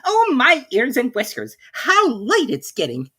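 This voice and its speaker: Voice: mid-range voice, huge pitch swings, measured pace, sharp tone, slightly rough, voice pushed up, exaggerated voice. A storybook narrator voicing a flustered, fretful rabbit in a hurry, exclaiming to itself.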